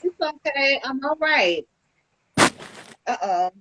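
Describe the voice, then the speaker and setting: High-voiced woman podcast host on a noisy call. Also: expressive, slow, lo-fi sound. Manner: chatty, laughs often. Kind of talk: casual chat.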